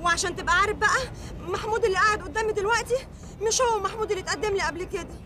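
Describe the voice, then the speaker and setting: An actress playing an impatient young daughter who speaks with an Egyptian accent and presses others for answers. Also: female voice, very high-pitched, very fast, crowd noise. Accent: Egyptian Arabic. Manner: insistent, pressing questions.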